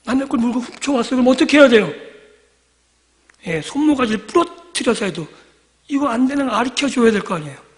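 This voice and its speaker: A man's voice: very high-pitched, expressive, fast talker, pauses often, big-room sound. A male pastor preaching a sermon, asking the congregation questions and dropping from emphatic lines to near-whispers. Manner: asks the congregation rhetorical questions.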